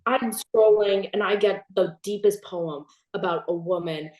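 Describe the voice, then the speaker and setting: Animated teenage girl host, roomy sound. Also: mid-range voice, unhurried. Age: teens. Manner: animated, storytelling, laughs often. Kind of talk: casual chat.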